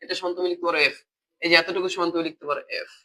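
Racing through a live online logic lesson, a man with a Bangladeshi Bengali accent who has a cold speaks in a high, bright, pushed voice at a level tone. Patient and repetitive, he quizzes students as he works, and the recording is rough.

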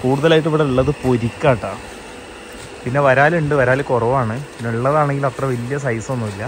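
A man's voice: mid-range voice, slight background noise. A man in his thirties with a Kerala accent, chatting casually to viewers outdoors as a fishing vlogger, explaining as he goes and often checking in with the viewer. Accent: Malayalam, Kerala. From Kerala, India. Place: outdoors in paddy fields and a yard. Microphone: phone camera held by the speaker.

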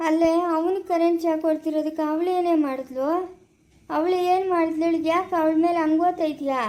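A woman doing a stern, sharp-tongued mother-in-law who cuts off her daughter-in-law with curt scolding, with a rural Chikkaballapura Kannada accent. The voice sits very high in a homemade family skit. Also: steady tone, a little fast.

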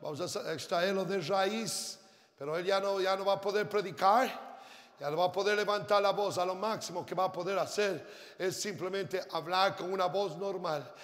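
An older man preaching a sermon as pastor, moving from quiet storytelling to shouted, fervent preaching. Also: high voice, moderate pace. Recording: reverberant hall with faint crowd and noise.

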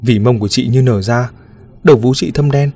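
A man's voice: medium pitch, a little fast, a little mellow, lightly acted. A man voicing a nosy, blunt middle-aged village woman who pries in a familiar, gossipy way, in a spoken ghost story. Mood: prying. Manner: prying, familiar.

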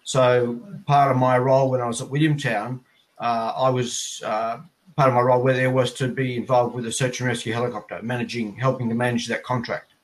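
Over a video call from a plain indoor room, an Australian air traffic controller in his fifties chats through his explanations as an interview guest. His mid-range voice stays fairly flat in pitch and moves a little fast, and the audio is poor.

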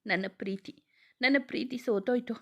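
Casting: woman doing a gentle, heartbroken young man for a storybook, soft pleading lines, slightly high. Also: fairly quick, vocal fry. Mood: crying. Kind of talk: storybook reading.

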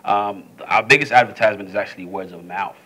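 A man's voice: fairly low pitch, fast, pushed and bright, poor audio. A young adult man from Haiti, co-founder of a salon, answering interview questions hesitantly with many ums. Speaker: salon co-founder, business manager. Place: studio set with leather sofa.

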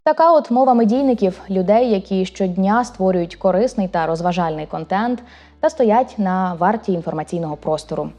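A woman hosting a language program, reading a scripted narration with clear, deliberate delivery of word examples. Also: mid-range voice, expressive, dark tone, soft background music. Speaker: program host.

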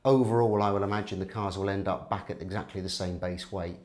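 Middle-aged male tech analyst, lower register, measured explainer to camera with filler pauses, studio lapel mic. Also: steady tone, a little mellow. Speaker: motorsport technical analyst.

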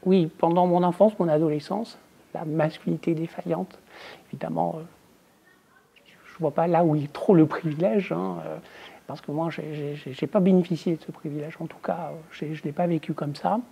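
A middle-aged woman, an academic researcher, answering interview questions in a thoughtful, measured way, her voice trailing off quietly at the ends of phrases. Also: low-pitched, fairly even intonation, vocal fry, breathy edge. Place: indoors, filmed for a museum exhibition.

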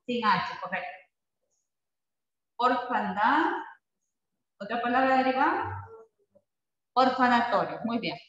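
A man's voice: very high voice, animated, takes it slowly, pauses often, bright, forceful tone. A man teaching a spelling lesson to a class, patient and checking in with frequent tag questions. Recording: echoey classroom, far from the mic, dull.

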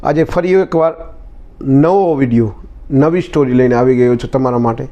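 A man's voice: mid-range voice, normal speed, dark tone, highs cut off. A man hosting his own channel, telling a motivational story in a casual, conversational way and often repeating "he said" as he retells the dialogue.

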